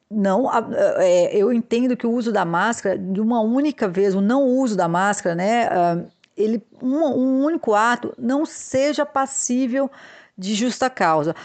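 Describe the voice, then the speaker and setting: Measured woman explaining labor law. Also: on the high side, lively intonation, a little mellow. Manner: measured, with frequent hesitations and restarts. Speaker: podcast host, labor law advisor. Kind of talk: explanatory legal podcast talk.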